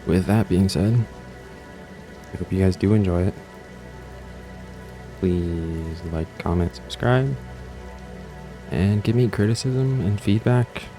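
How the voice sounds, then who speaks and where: With music playing behind him, the host and creator of an audiobook channel presents his own audio story in a low voice, slowly and with frequent pauses. His intro wanders casually and offhandedly, circling back on itself and trailing off.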